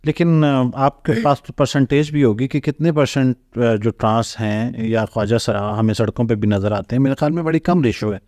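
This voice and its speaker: A man's voice: medium pitch, moderate pace, hardly any pauses, darkish tone, dry recording, clean studio sound. A man hosting a podcast, steering the talk with short prompts and brief acknowledgements. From Pakistan. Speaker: podcast host. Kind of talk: interviewing.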